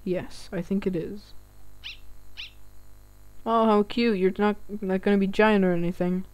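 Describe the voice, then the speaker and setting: A woman hosting a casual let's-play, reading the game's text aloud between quick reactions. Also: mid-range voice, steady tone, darkish tone. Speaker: gaming channel host.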